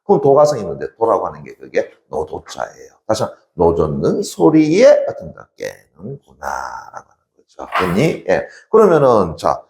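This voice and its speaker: Low gravelly guy lecturing, keeps asking then answering his own questions, roomy echo. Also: a little mellow. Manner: asks many rhetorical questions and answers them himself. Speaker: Korean literature teacher. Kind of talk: classroom lecture.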